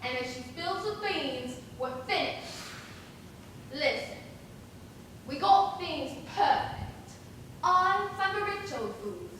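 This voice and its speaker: A woman playing a sharp-tongued, ruthless schemer in an amateur stage play, heard from far off in an echoey hall. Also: extremely high pitch, expressive, a little hiss or hum, heavily acted. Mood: scheming. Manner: brisk, bossy and plotting. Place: theatre stage.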